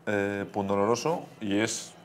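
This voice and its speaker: A man, the show's director, talking on a panel in a halting way, repeating words. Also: lowish voice, slight background noise. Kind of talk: casual studio chat.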